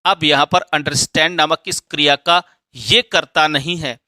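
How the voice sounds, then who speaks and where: A man's voice: on the high side, fairly even intonation, normal speed, bright, forceful tone, no room sound. A man teaching English grammar, explaining step by step and checking often that students follow.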